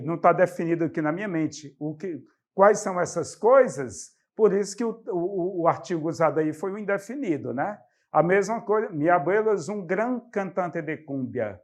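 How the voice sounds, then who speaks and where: A man from Brazil explaining Spanish grammar to students, stressing the example words loudly. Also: high voice. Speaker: Spanish teacher. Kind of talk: classroom explanation.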